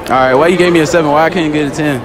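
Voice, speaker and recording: A man's voice: a little high, fairly even intonation, racing. Young man interviewing shoppers in a mall. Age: young adult. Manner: repetitive, upbeat, joking. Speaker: street interviewer. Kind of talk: casual public interview. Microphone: phone held out. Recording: phone audio with music and crowd.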